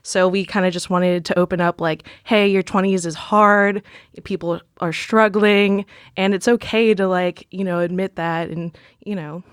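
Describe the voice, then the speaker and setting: A woman in her twenties, a podcast guest, talking in an unhurried way with many fillers. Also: fairly low pitch, steady tone, clean tone, dry recording, clean studio sound. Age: 20s. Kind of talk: casual podcast talk. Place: podcast studio.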